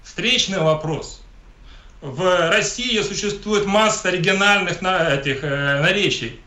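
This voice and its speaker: A Ukrainian man appears as an interview guest, offering emphatic, polemical political commentary in a high-pitched, sharp voice and frequently repeating himself. The room he's recorded in is echoey.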